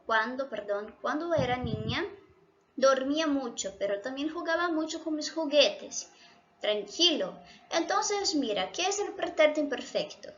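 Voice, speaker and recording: A Brazilian woman, a native Portuguese speaker with a Brazilian accent, teaches Spanish grammar, explaining patiently and checking in with her students often. Her voice is high-pitched and a bit bright, with a lo-fi sound.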